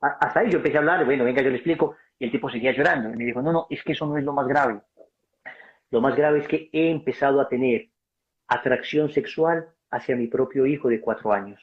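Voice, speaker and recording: A man's voice: medium pitch, quick pace. A man giving passionate, preaching-style answers on a video call, emphatic and acting out dialogue. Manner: emphatic, acts out dialogue, addresses listener as brother. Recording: dull lo-fi video call audio.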